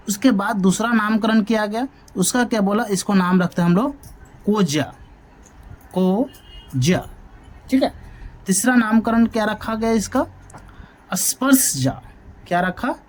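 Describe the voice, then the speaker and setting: A male math teacher lectures his class in a high, slightly mellow voice. He drives his points home by frequently posing a question and answering it himself.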